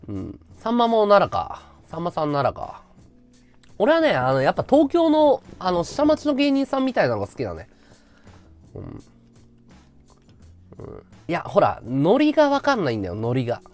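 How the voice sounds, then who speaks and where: A man's voice: high voice, wildly swooping pitch, moderate pace, long pauses, faint music behind. A man hosting a casual livestream chat, talking freely and thanking viewers for gifts. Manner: chatty, reacts to viewer gifts. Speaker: livestream host.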